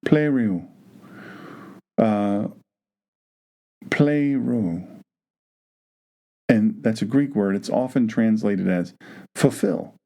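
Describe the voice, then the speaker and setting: A man teaching the Bible with animated emphasis, often repeating phrases to drive a point home. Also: on the low side, unhurried, creaky. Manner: acts out imagined objections in quoted voices.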